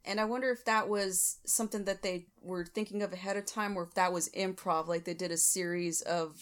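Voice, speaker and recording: A woman's voice: lowish voice, fairly even intonation, brisk. A woman co-hosting a podcast, casually reviewing a comedy film and thoughtfully explaining her favorite and least favorite lines. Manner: thoughtful, explains her picks, light laughter. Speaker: podcast co-host.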